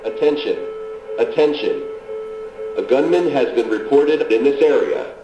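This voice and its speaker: Male emergency alert announcer heard over a loudspeaker, scripted and firm, with faint music behind. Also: medium pitch, lo-fi sound. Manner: firm, measured commands. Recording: echoey loudspeaker playback.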